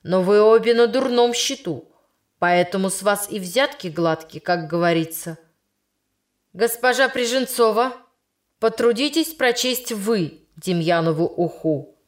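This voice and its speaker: A woman voicing an exasperated, angry male schoolteacher who shouts and scolds. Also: mid-range voice, measured pace, lightly acted. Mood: stern. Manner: shouting, then bitter and stern.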